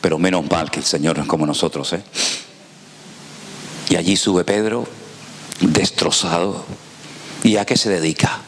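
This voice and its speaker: A man with a Spain Spanish accent preaches in a lowish voice. He tells the story animatedly and throws rhetorical questions at the congregation. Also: fairly even intonation, moderate pace, pauses often, a bit bright, a little hiss or hum. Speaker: pastor. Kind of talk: sermon.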